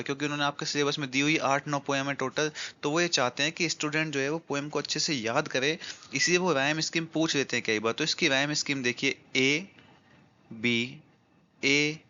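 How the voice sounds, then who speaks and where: A man's voice: a little high, sharp tone, muffled recording. A man teaching English literature for an exam, explaining step by step and answering his own questions as he counts syllables out word by word. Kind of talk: exam-prep lecture.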